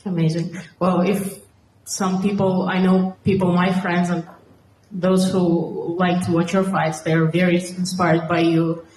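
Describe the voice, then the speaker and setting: A woman's voice: fairly low pitch, little pitch movement, a little slow, darkish tone. A woman reporter asks admiring, wordy and hesitant questions in a casual way at a press conference. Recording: echoey room, distant mic, faint noise.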